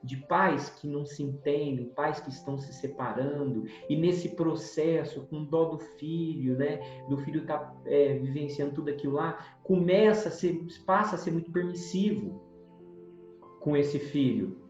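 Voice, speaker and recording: A man's voice: a little high, measured pace. A man co-hosting a spiritist book study, talking in a conversational way and often turning to his co-host. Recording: roomy sound, dull lo-fi, soft music.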